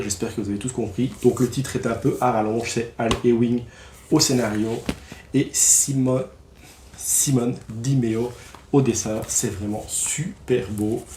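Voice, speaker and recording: A man's voice: mid-range voice, mellow, reverberant, a little hiss or hum. A man casually reviewing new comic releases, enthusiastic and slangy, with lots of fillers and restarts.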